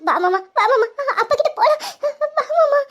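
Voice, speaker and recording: A woman acting out young woman, tender, tearful, coaxing, very high voice, audio drama. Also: animated, normal speed, a bit bright.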